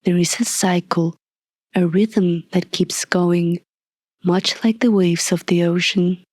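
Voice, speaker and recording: A woman with a voice on the low side guides a scripted meditation, speaking softly and breathily in a calm, soothing way with long, deliberate pauses. The recording is dry.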